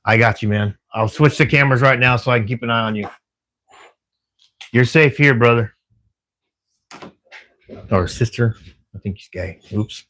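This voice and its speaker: This Texan livestreamer, working a camera security shift, speaks at medium pitch and normal speed with a fairly bright tone and long pauses. He chats casually through viewer comments, friendly and rambling, leaning on lots of fillers.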